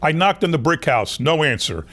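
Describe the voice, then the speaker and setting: A man's voice: a little high, sing-song, normal speed, fairly bright tone. A man reading a children's picture book aloud as a wolf who insists he was wronged, in a folksy, confiding way. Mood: aggrieved. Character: wronged, self-excusing male wolf telling his story. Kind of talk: children's storybook narration.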